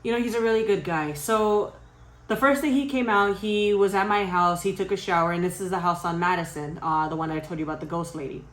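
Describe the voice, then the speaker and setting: A young woman vlogger casually telling a spooky story to her viewers, animated and swearing, often laughing. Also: lowish voice, fairly quick, echoey room.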